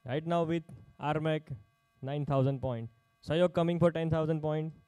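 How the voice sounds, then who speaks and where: A man's voice: a little high, steady tone, moderate pace, dark tone, clear, resonant tone, dry recording. A man working as an auctioneer at a live sports player auction, calling out bids in short, repeated phrases.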